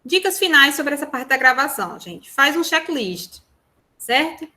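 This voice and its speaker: A woman's voice: high-pitched, sing-song, a little slow, sharp tone. A woman with a Brazilian Portuguese accent presenting an online workshop from a room at home on a lapel mic, explaining in a chatty way with frequent tag questions. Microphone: lapel mic on a phone.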